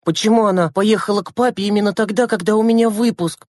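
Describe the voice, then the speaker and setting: A woman reading a storybook and voicing young schoolboys, whiny and excitable. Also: on the high side, moderate pace, dry recording, clean studio sound, voice pushed up, natural voice. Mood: indignant. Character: young schoolboy brothers, eager and sulky.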